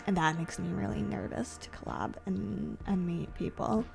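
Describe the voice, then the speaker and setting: A woman streams and games, talking to viewers in a chatty, meandering way and often circling back to the same phrases. She's a streamer and VTuber whose medium-pitched voice is steady and creaky at a normal speed, with faint music behind.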